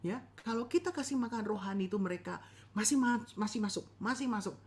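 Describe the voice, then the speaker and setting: A woman teaching a church lesson on preaching. She talks in a lively, animated way and keeps calling on her audience to respond. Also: medium pitch, fast.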